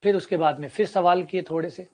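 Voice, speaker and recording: A man gives a maths lecture, his voice sitting a little higher than most men's. He explains step by step with everyday examples and says key points twice. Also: fairly even intonation, fast talker, darkish tone. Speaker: maths teacher. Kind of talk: classroom lecture.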